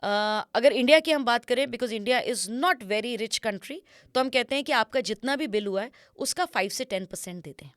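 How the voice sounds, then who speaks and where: A woman's voice: fairly high pitch, normal speed, dry recording. A woman speaking as an image consultant and guest, explaining points patiently in an interview and mixing English phrases into her speech. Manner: instructive, mixes English phrases into Hindi.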